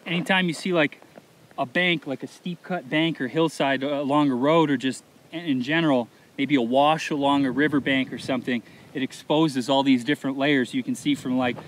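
Man, mid-pitched, casual and reflective, narrating a solo hike outdoors on a camera mic. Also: fairly even intonation, moderate pace, slight background noise. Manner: easygoing, rambling, reflective, with frequent "uh" and "like". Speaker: solo thru-hiker filming his trip. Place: outdoors in open desert.

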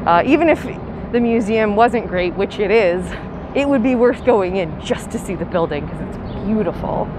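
A woman's voice: mid-range voice, animated, normal speed. A young woman tour guide narrating a walking tour outdoors in a city park, chatty and explanatory. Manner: chatty, explanatory, with light laughs. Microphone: handheld camera, guide mostly off screen. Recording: faint outdoor city noise.

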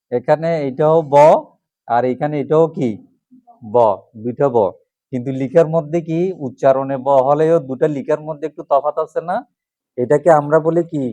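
A man's voice: a little high, fairly even intonation, moderate pace, long pauses, dark tone, no room sound. Man drilling letters in a dry room. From Bangladesh. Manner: asks questions and repeats answers. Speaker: teacher. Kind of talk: classroom lesson on alphabet pronunciation.

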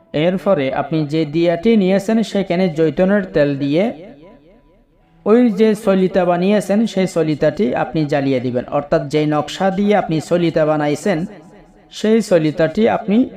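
Bangladeshi Bengali male instructor, somewhat high voice, walks through steps, repeats chants slowly. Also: dark tone. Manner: repetitive, explains step by step, chants incantations slowly. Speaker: spiritual ritual instructor. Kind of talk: spoken how-to instruction.

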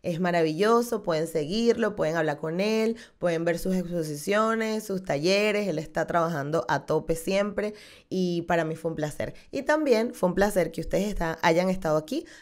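Woman, 30s, podcast host, slightly low voice, expressive, close studio mic. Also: normal speed. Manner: animated, gestures a lot with her hands. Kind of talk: casual podcast outro. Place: small room with dark wall. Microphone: studio condenser mic on stand.

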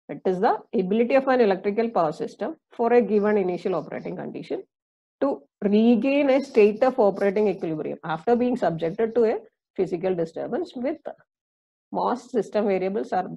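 A woman lecturer with an Indian English accent giving a recorded engineering lesson, explaining slowly, with many fillers and repeats. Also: mid-range voice, creaky, mellow, breathy edge, dull audio.

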